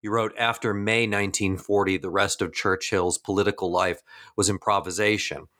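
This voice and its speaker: A man's voice: sits low, level tone, moderate pace, fairly bright tone. A male interview host asking searching, thoughtful questions.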